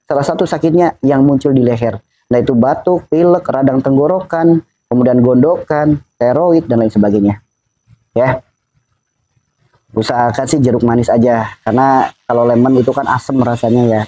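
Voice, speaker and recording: Middle-aged male speaker, husky and mellow, preachy religious advice talk. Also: medium pitch, low-quality recording. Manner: preachy, repetitive, laughs between points. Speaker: Islamic health advice speaker.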